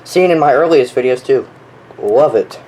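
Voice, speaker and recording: On a clearly noisy home recording, a young man with a mid-range, lively voice casually shows off the weather radios he collects. He speaks at a moderate pace, unscripted and enthusiastic in an offhand way.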